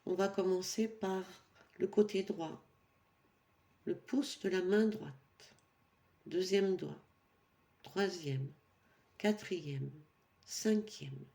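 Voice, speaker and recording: Speaking in a fairly low, creaky voice, a female instructor guides yoga nidra for sleep, keeping her delivery calm and soothing and leaving pauses.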